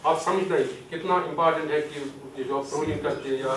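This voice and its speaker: Kashmiri guy teaching a class, high-ish voice, mixes in english terms, booming echo, far off mic. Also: steady tone, a bit bright. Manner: explains step by step, asks questions then answers them. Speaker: lecturer. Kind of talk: training lecture. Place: lecture hall. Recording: echoey hall, distant mic, faint hiss.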